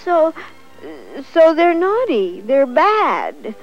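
Lady doing a frustrated little boy, high and wailing, storybook voice. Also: very animated, extremely slow, muffled recording, soft background music, full character voice. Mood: upset. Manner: pleading, frustrated. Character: upset little shepherd boy.

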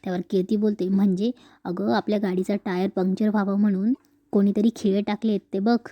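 A woman casually retelling a TV serial episode, switching quickly between narration and the characters' lines. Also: medium pitch, flat delivery, no echo, muffled recording.

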